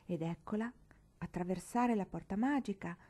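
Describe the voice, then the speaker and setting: Mellow-voiced woman reading a novel aloud. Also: mid-range voice, moderate pace. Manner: expressive, emotive narration. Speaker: audiobook reader. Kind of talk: expressive storybook reading.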